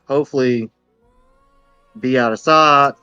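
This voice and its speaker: A man's voice: mid-range voice, unhurried, sharp tone, clear, resonant tone, no room sound, muffled recording. A man playing a tabletop game, chatting casually and playfully in and out of character. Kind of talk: casual, playful in-game role-play chat. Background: music.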